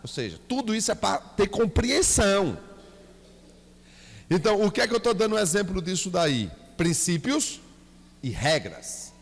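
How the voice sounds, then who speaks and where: Man, bahian portuguese accent, church teacher, animated delivery, long church-hall reverb. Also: high voice, unhurried. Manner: lively, asks the class questions, acts out scenes with his son. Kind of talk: Bible class lesson.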